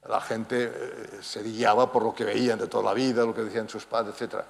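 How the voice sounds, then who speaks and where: A man preaching a sermon to a congregation, moving between quiet explanation and loud, emphatic appeals. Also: on the low side, flat delivery, brisk, vocal fry. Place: church hall. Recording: reverberant church hall.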